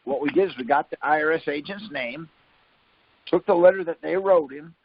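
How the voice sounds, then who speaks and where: Over a muffled phone line, a man running a conference call gives casual explanations, rambling and correcting himself, with frequent "um"s and "see?"s. His voice is a little high and his pace moderate, and there's no room sound.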